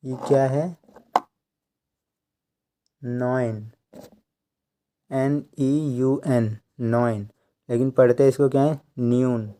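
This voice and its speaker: A man giving a slow tutorial, counting out numbers one by one and explaining how each is read. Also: medium pitch, steady tone, warm tone. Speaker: language teacher.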